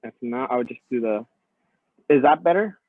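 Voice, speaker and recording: A man teaching online speaks unhurriedly at medium pitch, thanking his students politely as he takes their feedback. His voice carries no room sound but comes through muffled and phone-like over a computer mic, as if through a wall or underwater.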